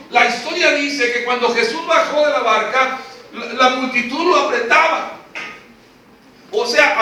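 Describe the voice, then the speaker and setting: A man preaching a sermon, emphatic, swinging from hushed to shouting and asking rhetorical questions. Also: very high voice, slight background noise. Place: church hall. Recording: echoey hall, mic at a distance.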